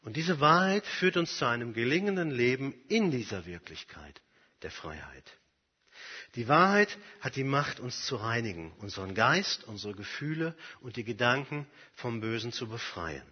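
A man preaching a sermon, earnest and emphatic, dropping at times to a soft, quiet voice. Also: medium pitch, big pitch swings, moderate pace, husky. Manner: earnest, emphatic, personal examples, swings from loud to very soft. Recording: long hall reverb, dull lo-fi sound.

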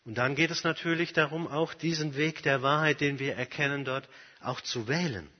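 A man preaching a sermon, earnest and emphatic, dropping at times to a soft, quiet voice. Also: fairly high pitch, normal speed. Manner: earnest, emphatic, personal examples, swings from loud to very soft. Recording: long hall reverb, dull lo-fi sound.

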